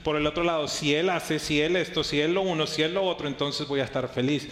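A man preaching a live sermon as pastor to a congregation, lively, playfully acting out his listeners' voices and joking with them. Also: fairly high pitch, quick pace. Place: church hall before a congregation. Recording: echoey hall with faint background noise.

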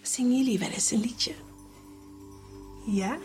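A woman's voice: a little high, unhurried, faint music behind. A woman telling a children's Bible story, acting out the figures and singing bits. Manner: animated, acts out figures and sings.

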